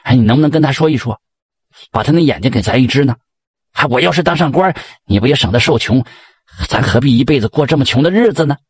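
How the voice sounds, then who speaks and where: Grasping village husband from a folk tale, told by a male storyteller, coaxing and pushy, talking quickly. The voice is husky and lively, recorded close and dry. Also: mid-range voice, dry recording. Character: greedy wheedling poor husband.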